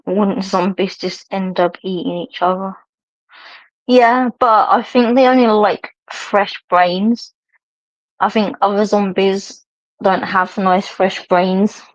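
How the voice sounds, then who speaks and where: A woman's voice: mid-range voice, steady tone, slow. A middle-aged woman, chatting casually to viewers as a livestream host, rambling and laughing often. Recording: dull lo-fi stream audio.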